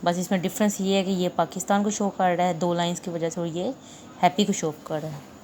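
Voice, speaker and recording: A woman's voice: fairly low pitch, steady tone, fairly quick, a little mellow, slight background noise. A woman teaching a shorthand lecture, explaining each rule step by step and repeating the key points. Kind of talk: classroom lecture.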